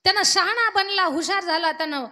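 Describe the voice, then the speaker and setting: High, bright-voiced woman preacher. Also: a little fast. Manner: emotive, rhythmic, repetitive phrasing. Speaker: kirtan preacher. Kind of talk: devotional storytelling sermon. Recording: long hall reverb.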